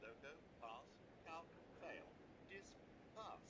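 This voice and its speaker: A flat, procedural farm maintenance computer speaks in a high computer processing voice with clipped announcements. It is game audio heard from a distance under loud noise, with the voice coming from well away from the mic. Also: male voice, slow pace. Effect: computer processing voice of an in-game machine.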